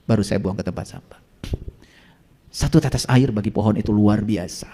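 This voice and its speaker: A man preaching a sermon to a live audience, quizzing listeners and swinging between high exclamations and low asides. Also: moderate pace, warm tone. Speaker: Islamic preacher. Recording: long hall reverb.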